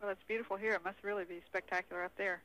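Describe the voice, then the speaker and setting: A woman's voice comes over a distant two-way space radio link as she answers the crew from mission control. She talks fast in short, admiring replies, with a bright, forceful edge to her tone. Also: mid-range voice, steady tone, no echo. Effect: distant two-way space radio transmission. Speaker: mission control capsule communicator. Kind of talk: air-to-ground mission radio calls.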